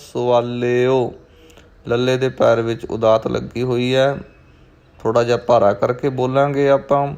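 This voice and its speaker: A man teaching scripture recitation, chanting each verse slowly and then patiently explaining how to pronounce it. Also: medium pitch, flat delivery, creaky, a little mellow. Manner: measured, patient, repeats each word slowly for the learner. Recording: dull, muffled lo-fi sound.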